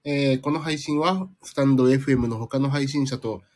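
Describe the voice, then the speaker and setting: A man's voice: medium pitch, moderate pace, darkish tone. A man hosting a casual live stream from home, chatting with listeners in a sleepy, rambling, self-deprecating way, slightly nasal from a cold. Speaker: livestream host.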